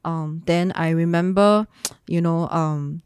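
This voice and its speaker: A Singaporean woman talking casually and reflectively in Singlish, with lah and leh particles, in a halting, searching way. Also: on the low side, steady tone, darkish tone, clean tone, no echo, clean studio sound. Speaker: guest sharing personal story.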